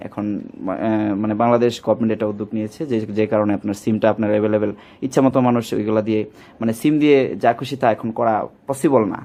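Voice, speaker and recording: A shop salesman with a Bangladeshi Bengali accent demonstrates a product, delivering rapid, repetitive sales talk in a warm, mid-range voice.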